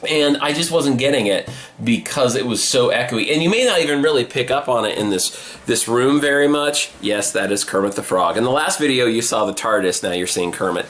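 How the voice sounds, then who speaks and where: Recorded in the hallway of an old, high-ceilinged apartment with a little hiss or hum, this podcast host's casual behind-the-scenes vlog finds him halting and informal. His mid-range voice is a bit bright, and he comes across as self-deprecating.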